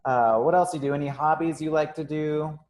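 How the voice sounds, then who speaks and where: This young host owns a gym and conducts a casual live interview, upbeat and loaded with ums and uhs. His voice is fairly high, steady and darkish in tone, and he speaks briskly.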